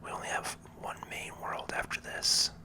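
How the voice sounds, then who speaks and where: Breathy whispers come from an ASMR gaming host positioned close to the mic, who soothes and encourages viewers with commentary at a moderate pace.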